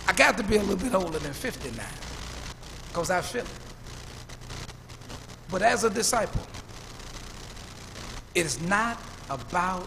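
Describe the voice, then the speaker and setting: A man preaches a storytelling sermon. His voice sits high for a man and rings out with a long church reverb, with faint room noise behind it. He repeats words as he builds toward each point. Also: fairly bright tone. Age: 50s. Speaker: pastor.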